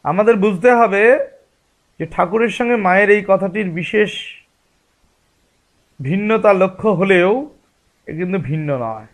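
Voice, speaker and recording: A man's voice: high voice, moderate pace, long pauses. A man giving a spiritual discourse as a religious teacher, explaining patiently and asking rhetorical questions.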